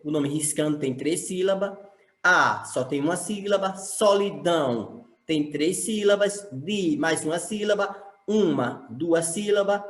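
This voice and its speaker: A man's voice: on the high side, a little slow, roomy sound. A male teacher from Sergipe, Brazil, with a Brazilian Portuguese accent, explaining a lesson and asking rhetorical questions. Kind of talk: recorded online lesson.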